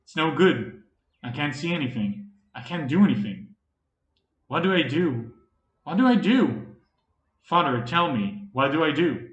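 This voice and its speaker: A man's voice: on the high side, big pitch swings, measured pace, a bit bright. A man voicing a young, desperate male halfling on the run who talks in an agitated, snappish way. The recording is roomy. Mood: anguished. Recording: roomy echo.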